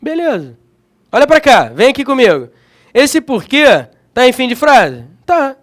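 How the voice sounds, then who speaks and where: A man leads a grammar lesson for exam prep in a strikingly high voice. His pitch rises and falls all the time as he talks, keeping the delivery energetic. He keeps checking in with his students as he goes. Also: a little slow. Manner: energetic, checks in often with slangy tags. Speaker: grammar teacher.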